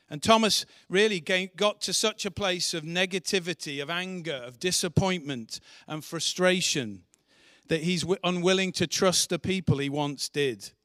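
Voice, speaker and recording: A man's voice: on the high side, bright, forceful tone, no echo, studio quality. A man preaching a sermon in church, earnest and asking the congregation questions. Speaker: pastor.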